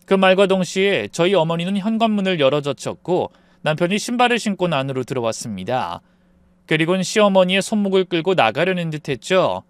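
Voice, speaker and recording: A man's voice: high voice, big pitch swings, fairly quick, clean tone, no echo. A man narrating a dramatic Korean-style true story in a subdued storytelling tone.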